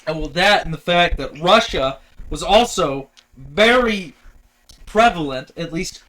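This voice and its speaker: A man co-hosting a casual podcast, countering his partner with skeptical, sardonic, quick rebuttals. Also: fairly high pitch, animated, bright, forceful tone. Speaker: podcast co-host. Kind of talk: casual debate chat.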